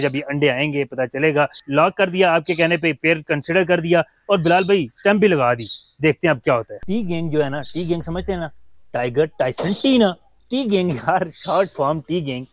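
A man chatting casually as he shows his mini zoo, fondly talking to his birds and pets. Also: fairly high pitch. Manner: chatty, fond, talks to his animals. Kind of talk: casual vlog chat.

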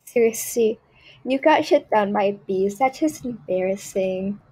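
In an unhurried, expressive manner, a woman with a medium-pitched, mellow and slightly rough voice plays a spoiled, snooty rich girl over gameplay. Her role-play skit is haughty and dismissive, loaded with "like" and "ew," captured on poor audio.

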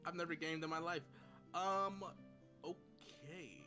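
A man's voice: on the high side, slow. A man playing a game alongside his girlfriend on a stream. He chats casually and teases her. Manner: teasing and animated. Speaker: co-player, the streamer's boyfriend. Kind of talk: casual gaming banter. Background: game music.

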